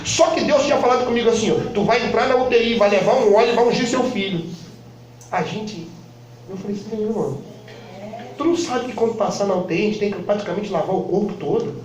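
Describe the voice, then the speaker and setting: High-voiced man shouting testimony, echoey hall. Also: fast, muffled recording. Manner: dramatic storytelling, acting out quoted voices, bursts into shouting. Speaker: church member giving testimony. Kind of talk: impassioned testimony preaching. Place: church hall. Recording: very echoey hall, mic far off.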